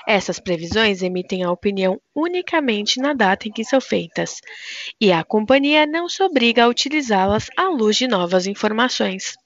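A woman's voice: mid-range voice, expressive, normal speed. A Brazilian woman working as a conference call operator, reading a scripted announcement in a formal, polite customer service voice. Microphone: conference call line. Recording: dull, lo-fi conference call audio.

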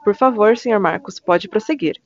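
A woman's voice: mid-range voice, normal speed. A woman with a Brazilian accent reads a scripted announcement as a conference call operator, in a formal, polite customer service voice. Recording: dull, lo-fi phone conference line.

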